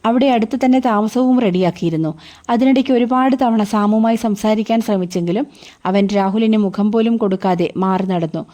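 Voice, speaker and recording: A woman narrating a novel as an audiobook, telling the story in a steady, even way. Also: medium pitch, normal speed.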